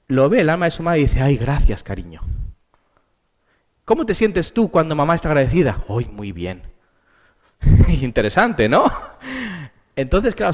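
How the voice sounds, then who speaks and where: A man with a Spain Spanish accent gives a conference lecture, his mid-range voice rising and falling with lively emphasis. He talks to the audience with rhetorical questions, and his words ring out with a long reverb in a big hall. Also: mid-range voice. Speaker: therapist giving a symposium talk.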